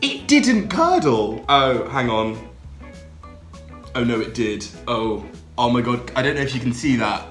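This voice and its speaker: A man's voice: mid-range voice, very animated, unhurried, fairly bright tone, faint music behind. A young man hosting a drinks vlog in casual, upbeat chat, laughing often. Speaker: drinks channel host. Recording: echoey room.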